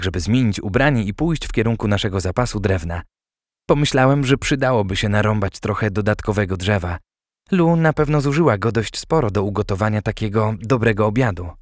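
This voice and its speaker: Low-voiced male audiobook narrator. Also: no room sound, studio quality.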